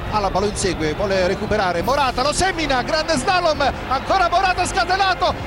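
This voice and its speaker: A man with an Italian accent giving breathless, excited football goal commentary in urgent bursts, shouting on the goals. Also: extremely high pitch, a little fast. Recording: loud music and crowd noise behind. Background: loud music, stadium crowd.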